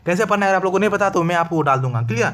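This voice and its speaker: A man's voice: high-pitched, animated, racing, a bit bright. A man teaching an online exam-prep lesson in a casual, chatty way, often checking whether his students follow. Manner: talkative, keeps asking "clear?".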